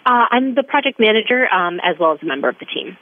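A woman's voice: medium pitch, expressive, fast talker, no echo. Woman calling in over a tinny phone line. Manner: earnest, frequent "um" fillers. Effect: heard over a phone line on a radio show. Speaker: radio show caller. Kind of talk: call-in question to a host.

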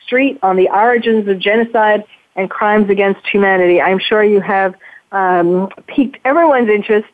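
A woman's voice: medium pitch, moderate pace. A woman psychiatrist hosting a radio interview show, talking hesitantly and often restarting her sentences. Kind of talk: interview chat. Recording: tinny phone line.

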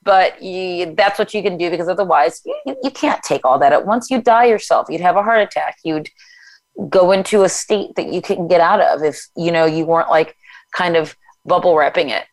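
Low-voiced woman reading her memoir. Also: normal speed, no room sound, low-quality recording. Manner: first-person memoir read aloud, then chatty with many fillers. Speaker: author and guest. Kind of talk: memoir reading then conversation.

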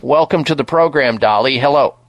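A man hosting a radio call-in health show, reading ads and giving advice in an animated, salesy way. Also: mid-range voice, a little fast, no echo. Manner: lively, salesy, advising.

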